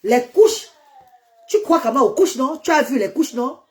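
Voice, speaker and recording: Woman ranting live on social media, kinda high voice, defiant, keeps switching to english. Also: lively intonation, normal speed, darkish tone. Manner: defiant, emphatic, slips into English. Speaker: charity founder on a livestream.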